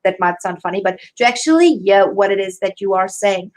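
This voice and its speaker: A woman's voice: medium pitch, animated, fairly quick, darkish tone, rough recording. A woman with a South African accent, a career coach giving advice on a live video call, chatty and full of fillers and restarts. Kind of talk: live online interview.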